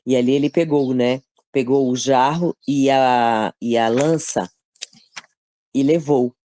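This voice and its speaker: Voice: medium pitch, slow, mellow, slight background noise. A study leader explaining a chapter conversationally, step by step, often checking in with listeners. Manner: conversational, explains step by step, frequent tag questions. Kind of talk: casual Bible teaching.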